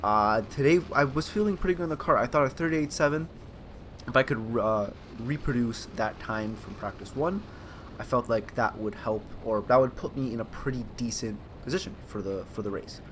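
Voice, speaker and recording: A man's voice: mid-range voice, normal speed. A young man, an amateur kart racer, rambling casually about his practice sessions and correcting himself as he goes. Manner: rambling, self-correcting, easygoing. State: out of breath. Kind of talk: casual racing vlog commentary. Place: outdoors at a kart track. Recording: loud outdoor noise around the mic.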